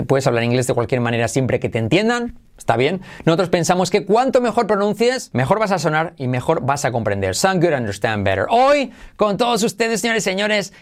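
An energetic man teaches pronunciation on a podcast, repeating each example word slowly and deliberately. His voice sits a little higher than most men's. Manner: energetic, drills words by slow repetition.

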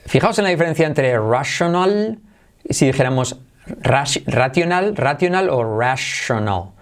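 A man with a Spain Spanish accent teaches English online in a lively way, pausing to repeat each word slowly and clearly. His voice sits at an ordinary middle pitch for a man. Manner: lively, repeats words slowly to drill pronunciation. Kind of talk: online language lesson.

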